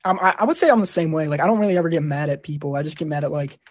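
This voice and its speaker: A man's voice: a little high, rapid-fire, no echo, studio quality. A young man chatting casually about video games, slangy and blunt in his banter.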